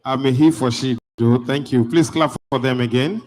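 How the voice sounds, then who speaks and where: Brisk male emcee urging speakers on. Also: medium pitch, a little mellow, poor audio. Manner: brisk, hurrying presenters along. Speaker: event host. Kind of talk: event emceeing. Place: exhibition event hall.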